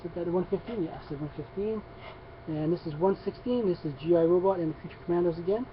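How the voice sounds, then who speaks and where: A man's voice: high voice, quick pace. A man talking casually on camera about his comic book pickups, rambling with many restarts and fillers. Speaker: comics vlogger. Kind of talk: casual comic haul video. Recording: dull lo-fi sound with faint noise.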